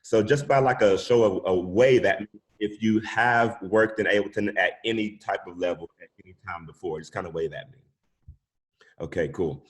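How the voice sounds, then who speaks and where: A man with a very low voice leads a live online music production workshop over a video call. He talks in a loose, chatty way, dropping y'all and yada yada as he goes. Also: normal speed. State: sucking a cough drop.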